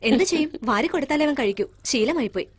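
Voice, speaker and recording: A woman's voice: high voice, expressive, quick pace. An actress voicing an outspoken mother who argues hard for her son against her husband. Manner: argumentative, pleading. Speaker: mother and wife. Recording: film dub with music behind.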